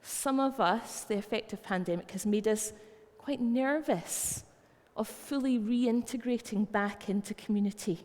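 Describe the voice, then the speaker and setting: Unhurried and with few pauses, a Scottish-accented woman preaches in a church hall, her sermon chatty and built on anecdotes. Her voice is on the high side and a little mellow. The church's long reverb fills the recording.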